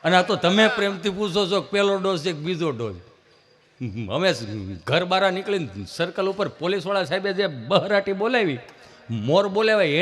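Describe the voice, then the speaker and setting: A man's voice: sits high, fairly bright tone. A man with a Saurashtra Gujarati accent telling folk jokes live on stage at a microphone, chatty, slipping into quoted dialogue. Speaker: stand-up folk comedian. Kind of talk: live folk comedy storytelling. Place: large hall on stage. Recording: long reverb of a hall.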